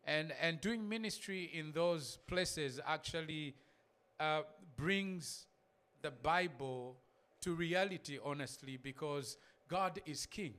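Man from zambia, church talk, resonant voice, slightly high pitch, casual with laughing asides. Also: slow pace, a bit bright, clean tone. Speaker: missionary guest speaker. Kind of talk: church talk with slide pictures.

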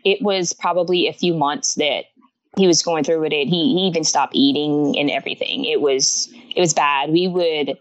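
A woman in her thirties from Honduras talks openly in a casual interview, laughing easily. Her voice sits fairly low. The recording is dull and lo-fi. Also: steady tone, moderate pace. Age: 30s. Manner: open, laughs easily, talks frankly about loss. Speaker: guest artist.

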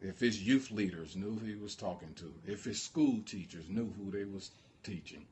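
A man's voice: on the low side, normal speed, darkish tone, a little hiss or hum. A man preaching a sermon as pastor, impassioned and drawing call-and-response from the congregation.

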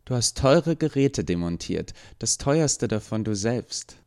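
A man's voice: medium pitch, animated, measured pace, darkish tone, smooth, pitched above the performer's own voice. A man playing a brusque woman professor. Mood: commanding. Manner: clipped and commanding.

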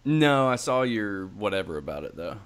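A man's voice: lowish voice, very animated, normal speed, clean tone. A man co-hosting a podcast in casual banter, rambling with frequent restarts and laughs. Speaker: podcast co-host.

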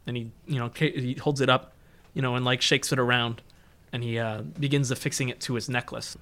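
A man's voice: medium pitch, level tone, a little fast, bright, forceful tone. A man narrating an improvised tabletop game as game master.

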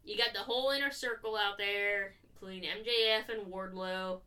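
A woman co-hosts in loose, profane chat, her voice bright and edged. She leans sarcastic and laughs a lot. She sits a little back from the microphone, so the sound is slightly distant. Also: medium pitch, steady tone, moderate pace. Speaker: podcast co-host reviewing wrestling. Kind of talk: casual chat.

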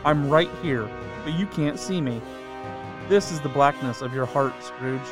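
A man voicing an unseen spirit who speaks in hushed, quick, ominous warnings. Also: on the high side, music in the background, pitched below the performer's own voice, lightly acted. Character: unseen ghostly spirit, calm and solemn.

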